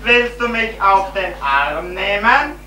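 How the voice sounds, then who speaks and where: Man acting a curt, slow-talking village policeman. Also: sits high, animated. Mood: stern, puzzled. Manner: curt, officious. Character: stern young village policeman questioning a witness. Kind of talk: amateur stage comedy acting. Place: small theatre stage, recorded from the audience. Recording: echoey stage, distant camera mic, hissy hum.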